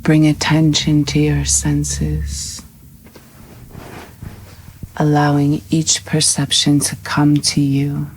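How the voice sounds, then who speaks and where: A woman with a low voice leads a scripted meditation, speaking very slowly and evenly with hardly any rise or fall. She sounds calm and soothing and leaves long pauses between phrases. The low-quality recording carries slight background noise.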